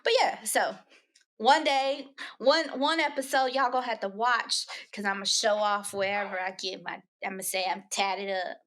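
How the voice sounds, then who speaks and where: A young woman co-hosting a casual podcast with her dad, telling stories in an animated way and laughing often. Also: medium pitch, moderate pace. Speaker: podcast co-host. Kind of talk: casual chat.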